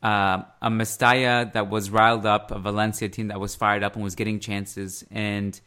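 A man hosting a sports podcast in a casual discussion style, measured and pausing mid-phrase as he works through his thoughts. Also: fairly low pitch, little pitch movement, bright, forceful tone, smooth.

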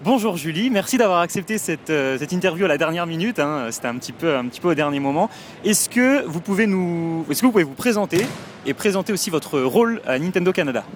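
A man's voice: fairly high pitch, animated, fast, a little hiss or hum. A man hosting a live podcast episode from a trade show, chatty and friendly, with frequent fillers. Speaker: podcast host. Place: video game trade show.

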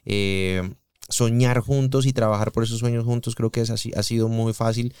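A man's voice: medium pitch, flat delivery, moderate pace, a little mellow, clear, resonant tone, no room sound, clean studio sound. Colombian male singer, guest on a chat podcast; earnest, restarts a lot; clean, resonant tone. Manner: earnest, searching for words with many restarts. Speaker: singer in a duo with his wife.

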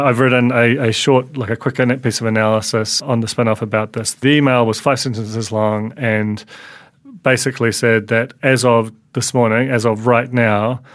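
A male podcast host with a New Zealand accent and a mid-pitched voice. He explains things conversationally, feeling his way through sentences and restarting phrases as he thinks. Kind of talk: conversational solo podcast analysis.

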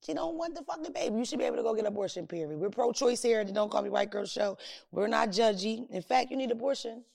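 Brash, gravelly-voiced Philly woman host. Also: fairly high pitch, animated, fast. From North Philadelphia. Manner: loud, brash and profane, laughing often. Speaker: podcast host. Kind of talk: casual chat.

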